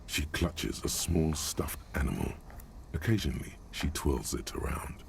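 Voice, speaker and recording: Brief: a wry game narrator, very deep and gravelly, dry and knowing. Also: male voice, animated, measured pace, slight background noise, exaggerated voice.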